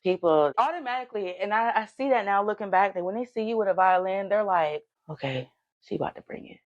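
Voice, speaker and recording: A woman guest telling her life story in a casual, animated way, her voice jumping high when excited. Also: fast, lo-fi sound.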